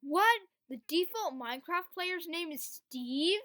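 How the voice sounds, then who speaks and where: A woman's voice: very high-pitched, animated, slow, heavy background noise, exaggerated voice. A female synthetic voice playing a wordy cartoon character who loves long insults. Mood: surprised. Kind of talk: fan-made text-to-speech cartoon.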